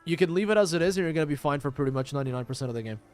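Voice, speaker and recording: A man with a fairly high voice hosts a casual gaming stream over faint background music. He talks informally, swears freely and banters with his viewers as he plays. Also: lively intonation, racing, darkish tone. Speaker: livestream host, gamer. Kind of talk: casual livestream chat while gaming.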